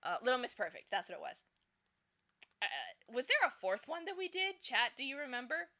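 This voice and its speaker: A woman's voice: sits high, sing-song, fairly quick, sharp tone. A woman chatting casually on a live stream, rambling with lots of fillers and laughing often, and sometimes slipping into a slight lisp. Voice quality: slips into a slight lisp at times. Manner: rambling and giggly, many fillers.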